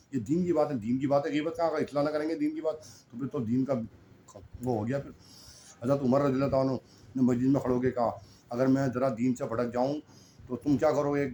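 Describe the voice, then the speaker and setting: A man delivers an admonishing sermon in a mellow, darkish voice. He repeats key lines and asks pointed rhetorical questions. Faint ambient noise sits under his voice. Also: medium pitch. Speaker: preacher.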